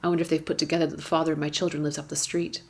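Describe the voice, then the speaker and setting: A woman's voice: sits low, flat delivery, very fast, gravelly. A woman, reading her own personal essay aloud on stage, wry and candid, with swearing and emphatic repetitions. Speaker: writer reading her work at an awards gala. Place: stage at a gala event.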